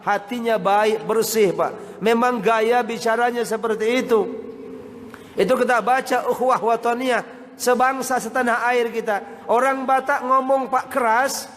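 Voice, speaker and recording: A man's voice: sits high, fairly bright tone. A male Islamic preacher giving a sermon, constantly addressing his audience as sir and madam. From Indonesia. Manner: addresses the audience constantly as Pak and Bapak Ibu. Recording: hall reverb with faint noise.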